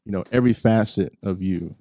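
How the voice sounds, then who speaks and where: A man talking casually on a podcast, reflective and pausing often with "um" as he shares his thoughts. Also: fairly low pitch, dark tone, dry recording. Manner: reflective, pauses with "um". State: married one year. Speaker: podcast co-host. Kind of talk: casual chat.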